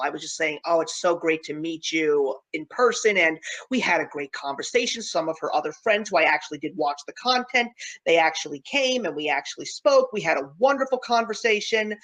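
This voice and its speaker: A woman hosting a live-streamed video chat, telling stories in a chatty, animated way and laughing often. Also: mid-range voice, poor audio. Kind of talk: casual chat.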